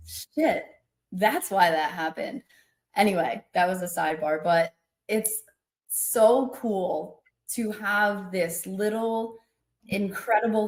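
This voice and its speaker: A woman in her forties, a podcast guest chatting casually and warmly, animated and quick with asides, laughing often. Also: lowish voice. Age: 40s. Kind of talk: casual chat.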